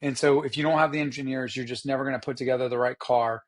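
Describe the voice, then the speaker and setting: A man with a hoarse, rough voice and a middling pitch co-hosts a casual sports podcast. He rambles along with enthusiasm, using plenty of slang as he thinks aloud. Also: fairly even intonation, fast. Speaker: podcast co-host. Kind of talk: casual motorsport chat.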